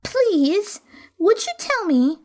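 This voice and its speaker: A woman's voice: extremely high pitch, very animated, slow, darkish tone, pitched above the performer's own voice, heavily acted. A woman reading a storybook voices a polite, slightly timid young girl.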